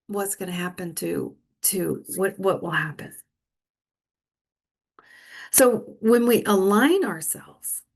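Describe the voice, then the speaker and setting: A woman's voice: medium pitch, creaky. A middle-aged woman minister giving a sermon in an earnest, conversational way, often restarting her sentences.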